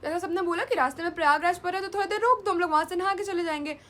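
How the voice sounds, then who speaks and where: A young woman telling a travel story in a casual storytime vlog, chatty and animated, mixing in English words. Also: very high voice, racing. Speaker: vlogger.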